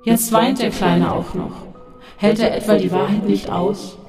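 A narrator voicing a sinister male voice that taunts from a dark shaft in an audiobook, over faint music in a long reverb. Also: medium pitch, fairly even intonation, measured pace, pitched above the performer's own voice, natural voice. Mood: taunting. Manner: mocking, then coaxing and seductive.

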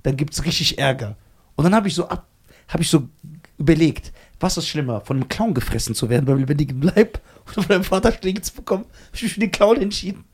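A woman co-hosting a casual chat, telling a story with lively energy and acting out what people said. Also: on the low side, fast talker, breathy edge. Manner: lively storyteller who acts out quoted voices.

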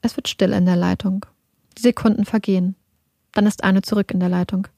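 A woman narrating a true-crime story in a measured, calm way. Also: mid-range voice, creaky, dry recording, studio quality.

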